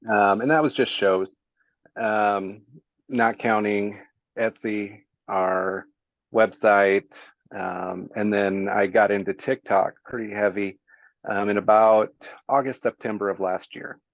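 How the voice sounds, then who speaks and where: Low-voiced man on muffled call audio. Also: fairly even intonation, slow pace, no echo. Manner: easygoing, many "um"s, plain-spoken. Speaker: guest, small business owner. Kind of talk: casual interview chat.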